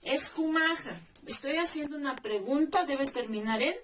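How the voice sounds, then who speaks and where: A woman's voice: high-pitched, normal speed, a bit bright. A woman teacher explaining grammar step by step, patiently spelling out suffixes and checking in with the listener. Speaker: language teacher. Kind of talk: slow, deliberate classroom explanation. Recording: distant mic with faint background noise.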